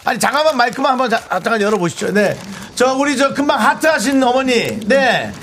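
A man's voice: extremely high pitch, big pitch swings, a little fast, a bit bright, slight background noise. A middle-aged man co-hosting a live radio show, joking and self-deprecating as he chats with a studio audience. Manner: jokey, self-deprecating, teasing guests. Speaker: radio co-host.

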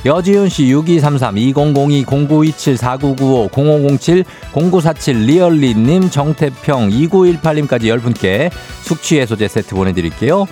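A man's voice: medium pitch, animated, moderate pace, hardly any pauses, dark tone. A man hosting a morning radio show, reading out quizzes and giveaways in an upbeat, punchy announcer's delivery. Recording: music bed behind the voice. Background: music.

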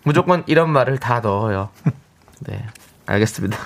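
A man co-hosting a radio show, briskly reading listener messages and bantering with his partner. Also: mid-range voice, lively intonation, vocal fry. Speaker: radio co-host. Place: radio studio.

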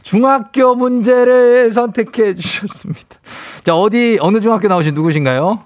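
A man's voice: sits high, moderate pace, no room sound. A man hosting a radio call-in quiz segment, bantering playfully with a caller and reading out questions.

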